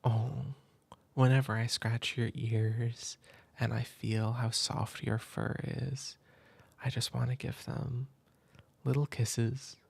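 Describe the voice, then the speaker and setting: A man murmurs tenderly into a close mic, drifting between low speech and whisper in a slow ASMR comfort roleplay. His delivery stays flat and unhurried, with a gravelly texture, and the sound is dry with no room around it. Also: no room sound. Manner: soft, tender, half-whispered. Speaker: ASMR creator.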